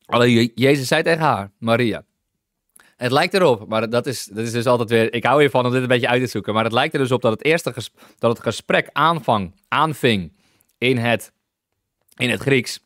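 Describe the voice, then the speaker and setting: A man leads a Bible teaching session with open enthusiasm, stopping to restart sentences and calling out hallelujah along the way. His voice sits at an ordinary middle pitch. The sound is close and dry, with no room echo. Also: moderate pace, a bit bright. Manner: enthusiastic, exclaims hallelujah often; many restarts while reading and explaining scripture.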